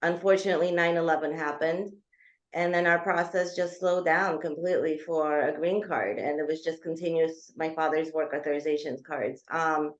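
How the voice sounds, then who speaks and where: A woman with a lowish voice tells her own story in an interview, earnest and full of ums. The audio is dull and lo-fi with a roomy echo around her. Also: steady tone. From Georgia (former Soviet Union). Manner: earnest, frequent ums, speeds up and slows down. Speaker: guest author. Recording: echoey, dull lo-fi remote audio.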